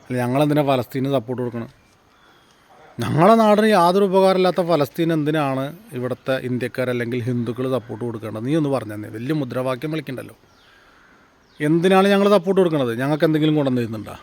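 A man's voice: medium pitch, animated, fast talker, darkish tone. A man, giving a combative vlog monologue full of rhetorical questions and heated peaks. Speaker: vlogger. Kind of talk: angry political monologue to camera.

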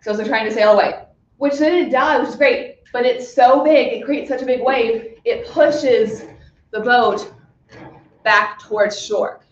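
A woman's voice: a little high, a little slow, a little hiss or hum. A woman teacher casually explaining a story to her class, chatty with many fillers, in an echoey, muffled recording. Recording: echoey room, muffled sound.

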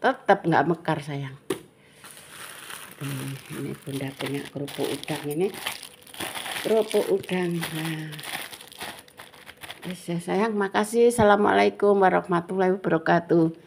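A woman's voice: on the low side, measured pace, creaky, long pauses. An older woman with a Javanese accent, chatting affectionately to viewers in a home cooking vlog, constantly calling them dear. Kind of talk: casual chat while frying crackers. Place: home kitchen. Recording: home phone video with background noise.

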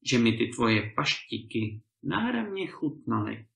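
A cheeky storybook trickster who talks with innocent, mock politeness, as a man reading the tale puts him on. The voice is bright and a little gravelly. There is a roomy echo. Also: medium pitch, big pitch swings. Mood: innocent sly. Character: cheeky young male trickster tenant, polite and sly. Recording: echoey room.

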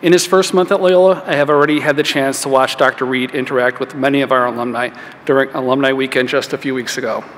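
A man's voice: medium pitch, flat delivery, quick pace, fairly bright tone. A man in his fifties gives a formal podium speech from prepared text. His mid-range voice echoes in a large hall, with faint noise behind it. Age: 50s. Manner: reading prepared remarks. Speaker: alumni board president. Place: stage of a large auditorium. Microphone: podium microphone.

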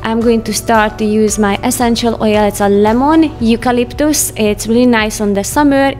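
Woman narrating her home routine, highish voice, soft music behind. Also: fairly even intonation, moderate pace. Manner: chatty, light laughs, non-native phrasing. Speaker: home vlogger. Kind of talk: casual voice-over narration. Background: soft background music.

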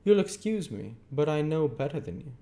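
A male narrator voices a stern middle-aged lawyer, the storybook sort who always knows better, pressing each question cross-examination style in a clipped, emphatic manner. Pitched above the performer's own voice and a little high, it is loud and insistent with a mellow darker tone, big pitch swings and normal speed. The mood is lecturing.

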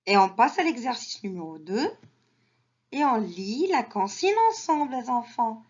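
A woman teaching an early reading lesson to children, repeating each word slowly and breaking it into syllables. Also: on the high side, big pitch swings, a little mellow. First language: Arabic. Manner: slow, syllable-by-syllable modelling with repeated words. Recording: dull lo-fi sound.

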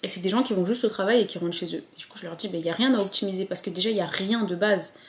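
Talking rapid-fire at a medium pitch, a woman lifestyle vlogger gives an encouraging, chatty pep talk to camera in an echoey room. Fillers crop up often.

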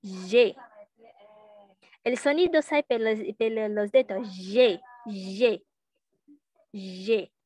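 Slow-spoken Brazilian woman teaching letters. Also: medium pitch, a little mellow, dry recording. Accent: Brazilian Portuguese. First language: Brazilian Portuguese. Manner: slow, drawn-out letter sounds, mixing Spanish with Portuguese. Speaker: Portuguese teacher. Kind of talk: slow language lesson.

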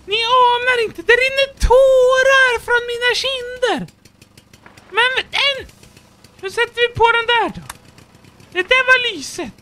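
A man voicing a squeaky, childlike male character who keeps up a fussy, silly running commentary while playing a game. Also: long pauses, pushed and bright, a little hiss or hum. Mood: chattering.

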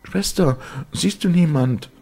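A man reading a fairy tale aloud, raising his voice high to play a terrified young wife who pleads and begs. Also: takes it slowly, dark tone. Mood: pleading.

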